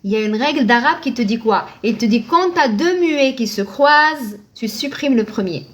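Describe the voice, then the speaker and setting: A woman's voice: a little high, expressive, moderate pace. A woman teaching Arabic reading live online, patient, posing questions and answering them herself, thanking viewers by name.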